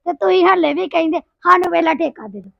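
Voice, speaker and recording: A woman's voice: very high-pitched, animated, fast talker, creaky, dry recording, lo-fi sound, exaggerated voice. An actress playing an argumentative village woman in a land dispute, with a Punjabi accent. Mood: arguing. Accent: Punjabi, Doabi. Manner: argumentative, sarcastic.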